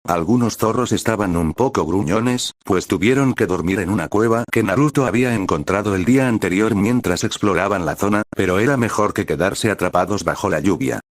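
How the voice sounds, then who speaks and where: Male narrator, deep voice, dry close sound, even storybook reading. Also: fairly quick, few pauses, dry recording. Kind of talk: reading a fan story aloud.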